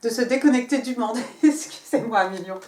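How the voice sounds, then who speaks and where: A woman's voice: fairly high pitch, fairly quick, dark tone. A woman giving a casual tarot reading, chatty, stumbling over and repeating words and laughing at herself. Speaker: tarot reader. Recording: roomy, mic at a distance, faint noise.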